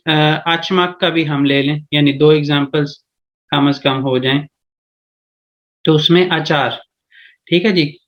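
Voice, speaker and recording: A man's voice: a little high, fairly bright tone. A man with a Pakistani Urdu accent teaching a language lesson over a video call, explaining step by step and often checking in with his listeners. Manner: explains step by step, repeats "theek hai ji".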